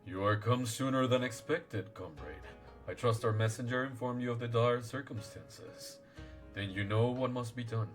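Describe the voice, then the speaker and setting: A man's voice: medium pitch, normal speed, soft background music, natural voice. A man voicing a wise, courtly old turtle guardian in a fantasy game, with grave, archaic formal speech.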